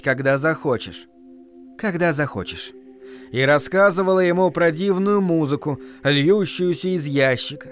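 A man narrating an audiobook in measured, short phrases. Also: a little high. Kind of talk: scripted literary narration. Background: faint background music.

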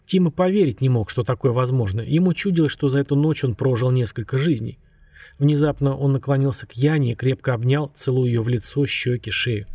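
A man with a husky voice narrating a story in a steady, measured way. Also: mid-range voice, no echo. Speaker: audiobook narrator. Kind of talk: scripted narration.

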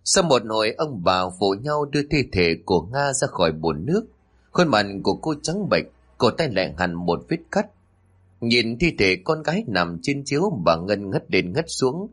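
A man narrating a dramatic story in a steady, expressive way. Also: medium pitch, moderate pace.

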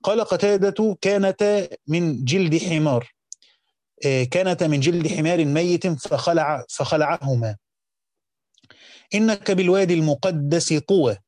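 A man's voice: on the high side, a little mellow, no room sound, studio quality. A man with an Egyptian accent reads a classical Quran commentary aloud and explains it, moving between careful formal reading and casual colloquial asides. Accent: Egyptian Arabic.

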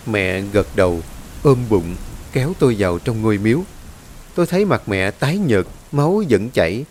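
A man reading a horror story aloud in a dramatic, expressive way. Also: medium pitch, slight background noise. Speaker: story narrator. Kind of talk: scripted horror story narration.

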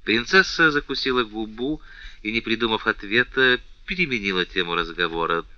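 A man narrating a novel as an audiobook reader, in an even, measured way, on a dull, dry recording. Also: fairly low pitch, no room sound.

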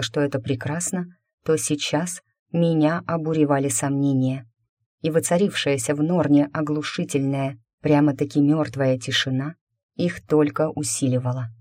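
A reader giving a steady scripted narration of a fantasy novel, lightly voicing the characters' lines. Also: medium pitch, no echo, clean studio sound. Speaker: audiobook reader.

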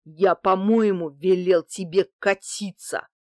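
A woman voicing a bald, scarred male street thug who talks rough and crude with a growl, in an audiobook. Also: on the low side, moderate pace, dry recording, clean studio sound, close to an everyday voice. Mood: gruff. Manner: growling, rude, crude slang. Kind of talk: audiobook character voice.

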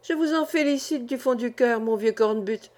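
A kindly older village priest from a classic novel, read by a woman. He speaks in a measured, patient way with a mild questioning lilt. The voice sits fairly high. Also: darkish tone, lightly acted. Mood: calm.

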